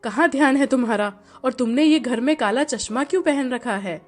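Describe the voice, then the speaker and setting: Woman doing a young husband, stern, scolding, pitched lower than her own voice. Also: brisk, soft background music.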